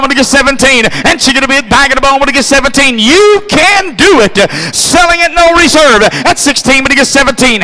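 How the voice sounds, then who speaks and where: A man working as an auctioneer, calling bids in a rapid, repetitive rolling chant. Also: very high voice. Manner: repetitive, rolling patter with shouted numbers. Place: live classic car auction.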